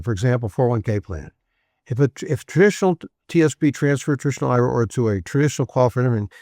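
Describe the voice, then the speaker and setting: A man's voice: medium pitch, darkish tone, dry recording, studio quality. A man presenting a webinar lecture on retirement benefits, conversational and prone to restarts and repeats.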